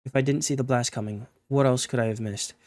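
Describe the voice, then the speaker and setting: A man reading the lines of a wounded, calm and commanding vampire woman in a text-based game. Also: mid-range voice, quick pace, no room sound, studio quality, natural voice. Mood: grim.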